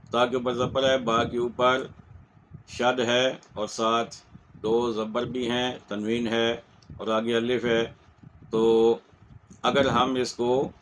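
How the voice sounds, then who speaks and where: A man with a Pakistani Urdu accent giving a slow, patient lesson in Quran recitation, repeating each point. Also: mid-range voice, a bit bright, slight background noise, rough recording. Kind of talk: step-by-step lesson.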